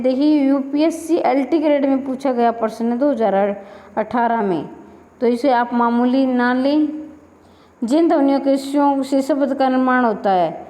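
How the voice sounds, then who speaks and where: Female grammar teacher, fairly high voice, drills exam questions in a reverberant room. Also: warm tone. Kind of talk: exam-prep lecture.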